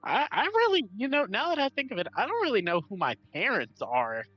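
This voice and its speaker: A man's voice: extremely high pitch, wildly swooping pitch, a little fast, dull audio. A man playing a tabletop role-playing game, improvising casually and thinking aloud in a hesitant way. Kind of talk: casual in-character improvised chat. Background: music.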